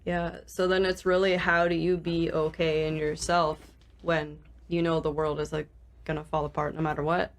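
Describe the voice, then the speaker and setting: A woman with vocal fry, talking reflectively in a casual discussion as a podcast co-host. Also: sits low, flat delivery, moderate pace.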